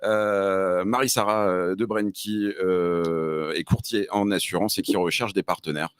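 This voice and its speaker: Lower-voiced man teasing as co-host. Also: steady tone, measured pace, smooth, no echo, clean studio sound. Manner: teasing, reads news items with hesitations. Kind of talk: casual radio chat.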